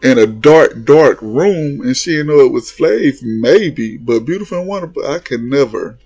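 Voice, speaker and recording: A man's voice: mid-range voice, measured pace, husky, soft background music. A man casually recapping a reality show reunion, laughing often, swearing freely and acting out what the cast members said. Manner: animated, laughing, profane, mimics cast members.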